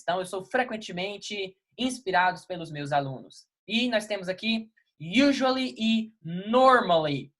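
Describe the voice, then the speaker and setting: A male English teacher from Brazil works through a recorded lesson. He repeats each key word and keeps checking in with his class. He reads the example sentences slowly before he translates them. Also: high voice, a bit bright. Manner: patient, repeats key words and checks in with "ok? tá? beleza?".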